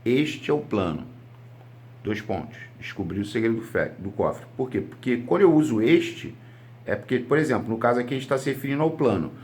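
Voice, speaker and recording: A man's voice: medium pitch, animated, a little fast, a little mellow. A Brazilian man teaching a grammar lesson for exam prep, explaining step by step and answering his own rhetorical questions. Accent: Brazilian Portuguese.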